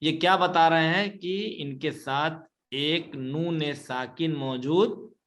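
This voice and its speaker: A man teaching Quran reading in an online class. He patiently repeats each rule, keeps checking that his students follow, and recites the Arabic examples slowly. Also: fairly high pitch, fairly bright tone.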